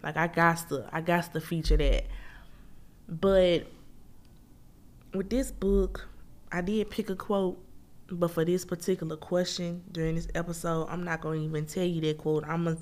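A Memphis, Tennessee woman hosts a laid-back book review in a deep, low voice. Chatty and full of slang, she speaks at a moderate pace and talks to listeners like they're friends.

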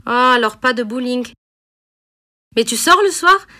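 A woman's voice: on the high side, expressive, measured pace, pushed and bright. A woman voicing a friendly young woman phoning a friend to invite her out, in a recorded course dialogue.

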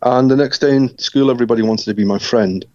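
A middle-aged man from Scotland, speaking as an interview guest and telling his life story in a reflective, measured way with frequent restarts. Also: medium pitch, mellow, no room sound, highs cut off.

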